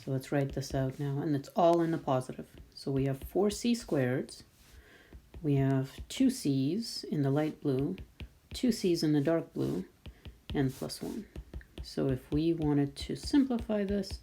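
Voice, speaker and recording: A woman's voice: low-pitched, lively intonation, vocal fry, dark tone, slight background noise. A woman math teacher talking patiently through a screen-recorded lesson, thinking aloud as she draws. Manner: slow, patient, thinking aloud while drawing.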